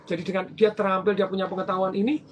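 A man telling stories from his banking career in casual conversation, animated and acting out the people in them. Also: high voice, very fast, a little hiss or hum. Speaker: former bank branch manager.

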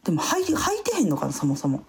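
Kansai accent, woman, young adult, podcast co-host, casual chat, animated. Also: lowish voice, very fast. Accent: Kansai Japanese. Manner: animated, acts out quoted speech.

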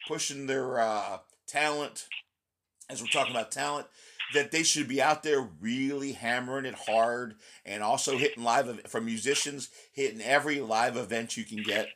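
A man's voice: medium pitch, normal speed, a bit bright. A man hosting a podcast in casual interview chat, his voice scratchy from recent laryngitis, rambling with many restarts. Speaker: podcast host.

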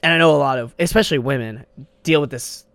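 This is a casual solo podcast: a young host rambles, swears freely, uses slang and keeps saying "bro" into a desk studio mic. His voice is a little high, gravelly and fairly bright, his pace quick, and the sound is dry of any room.

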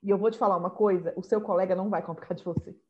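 A woman's voice: medium pitch, fairly even intonation, racing. A woman in a casual conversation, speaking emphatically and repeating her key phrases. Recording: slightly dull, lo-fi sound.

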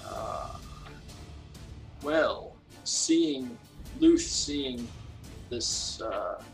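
A man playing a tabletop game, describing his character's attacks slowly, with hesitant pauses and fillers. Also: fairly high pitch, wildly swooping pitch, creaky, soft background music. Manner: slow, hesitant, lots of uhs. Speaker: player.

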